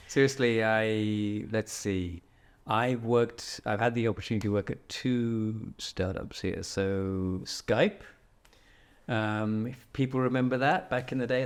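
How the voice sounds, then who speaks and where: A man with a low-pitched voice talks casually as a podcast guest, thinking aloud. His delivery is relaxed and joking, and he keeps checking in with "right?". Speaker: podcast guest, product executive. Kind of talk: casual conversational interview. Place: indoor room, in person with host.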